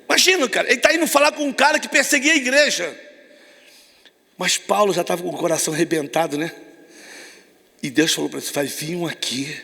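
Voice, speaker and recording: Brazilian man, high bright gravelly voice, passionate youth preacher in a reverberant church hall. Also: fairly quick, pauses often. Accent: Brazilian Portuguese. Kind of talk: lively evangelical sermon.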